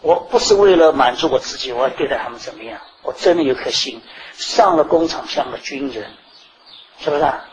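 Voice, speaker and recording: A man preaching a sermon, telling stories from his own life and swinging between loud, high bursts and quiet asides. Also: fairly quick, a little hiss or hum, poor audio. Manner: animated, rising and falling sharply in pitch and volume.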